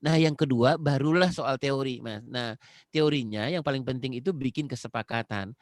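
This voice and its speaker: A man's voice: medium pitch, moderate pace, no room sound, clean studio sound. A man from Indonesia giving a conversational parenting talk on a video call, earnest, repeating phrases and speaking straight to his listener. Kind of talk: conversational lecture.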